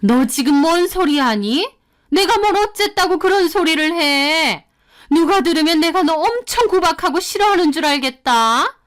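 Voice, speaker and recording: A woman voicing a cold, older mother-in-law who scolds with indignant, sharp retorts. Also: extremely high pitch, lively intonation, moderate pace, pitched above the performer's own voice.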